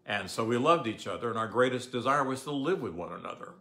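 An older man giving a relaxed, conversational sermon, often asking the audience questions. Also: mid-range voice, fast. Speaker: pastor. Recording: echoey room.

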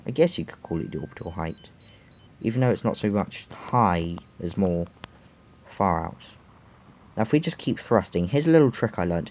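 A man giving rambling game walkthrough commentary with self-mocking asides. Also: on the low side. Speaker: game tutorial host. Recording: tinny phone-like audio.

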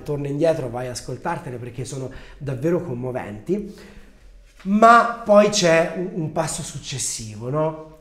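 Earnest man in a roomy room. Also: a little high. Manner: earnest, storytelling, slows down for emphasis. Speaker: host of a promotional livestream. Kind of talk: casual livestream talk with a Bible reading. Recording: roomy echo.

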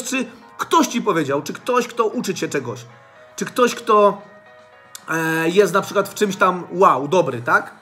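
A man's voice: sits high, pushed and bright, husky. A man giving a blunt motivational monologue to his channel, swearing freely and repeating his points over and over. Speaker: motivational vlogger.

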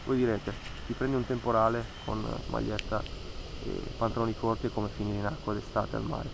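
This fishing vlogger, a man in his thirties, speaks fairly quickly in a lowish, level, creaky voice against a noisy background. His reflective voice-over, set beside a lake among trees, is earnest and cautionary, with words repeated for emphasis.

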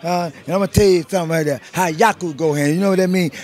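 Loud, taunting man, high voice. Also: rapid-fire, soft background music. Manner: loud, profane, sing-song taunting. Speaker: passerby being interviewed. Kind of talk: street interview.

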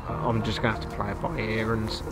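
A young English man vlogging by a lake from his fishing tent, talking in a relaxed, understated way to the camera mic. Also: on the low side, quick pace, over music. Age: young adult. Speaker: angler vlogger. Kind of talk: casual vlog narration. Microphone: camera mic, seated in front of camera. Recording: outdoor recording with clear ambient noise.

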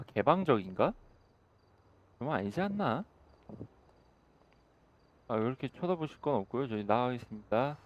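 A man's voice: mid-range voice, smooth, lo-fi sound. Chatty, sarcastic man doing game role-play. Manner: chatty, sarcastic, bursts into loud shouting.

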